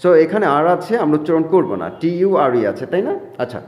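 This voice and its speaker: A man's voice: a little high, sing-song, moderate pace, darkish tone. A man teaching English pronunciation in a classroom, drilling words call-and-response with his students. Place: classroom with whiteboard. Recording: echoey classroom with long reverb.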